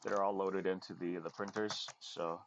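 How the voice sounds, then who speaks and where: Low-voiced man rambling at his workbench. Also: flat delivery, vocal fry, background noise. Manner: rambling, unhurried, many fillers. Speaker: maker livestreaming his workbench. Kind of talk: casual chat while working. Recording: dull lo-fi audio.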